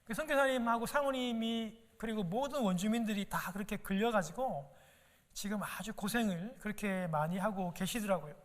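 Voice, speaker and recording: High-voiced male pastor preaching in a reverberant hall. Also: normal speed. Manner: emphatic preaching, repeats words, rhetorical questions. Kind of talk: sermon. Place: church sanctuary. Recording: long reverb of a church hall.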